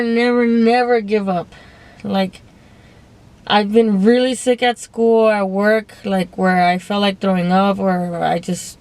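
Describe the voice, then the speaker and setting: A woman's voice: medium pitch, darkish tone. Hesitant young woman vlogging into a phone. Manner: hesitant, rambling, many restarts and trailing off. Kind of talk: casual confessional monologue. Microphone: phone camera.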